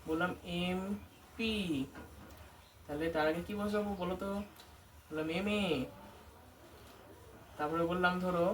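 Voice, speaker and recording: A woman's voice: on the low side, fairly even intonation, unhurried, long pauses. A woman English tutor teaching a grammar lesson, who keeps asking her students questions and answering them herself. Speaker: English tutor running a coaching centre. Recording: distant mic with faint background noise.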